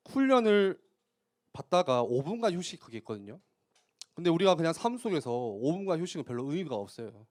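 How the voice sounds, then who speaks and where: A man preaching a youth sermon in church, conversational, tossing out rhetorical questions and punctuating with quick affirmations. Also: medium pitch, a little mellow. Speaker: youth pastor.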